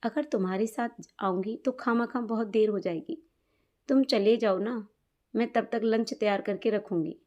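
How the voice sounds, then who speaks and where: A woman's voice: a little high, normal speed, warm tone, lo-fi sound, natural voice. A woman voicing an easygoing young wife in a spoken story, breezy and casual.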